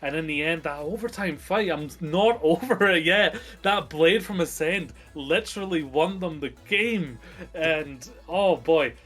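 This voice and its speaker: A man with a fairly high voice co-casts a live esports broadcast. He recaps the action with gushing enthusiasm and keeps his energy up next to his partner. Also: measured pace, fairly bright tone, breathy edge, faint music behind. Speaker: esports co-caster.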